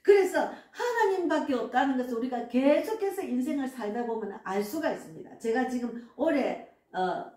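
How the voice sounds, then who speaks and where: Warm and animated, a woman pastor in her sixties delivers an earnest, emphatic sermon in her high voice at a normal speed with few pauses, adding frequent affirming asides. A distant mic picks her up in an echoey church sanctuary with faint music.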